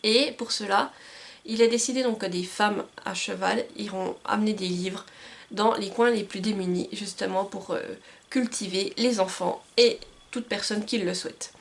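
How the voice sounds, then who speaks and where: A woman's voice: mid-range voice, steady tone, moderate pace, gravelly. A young woman giving casual book recommendations to camera, chatty and hesitant with frequent fillers and self-corrections. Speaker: book vlogger. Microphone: camcorder microphone.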